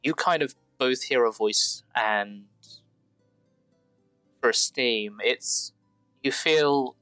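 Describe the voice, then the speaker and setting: A man runs a tabletop role-playing game as game master. He speaks slowly in a bright, forward voice, close and dry, with faint music underneath. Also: medium pitch, clean tone, no echo, poor audio.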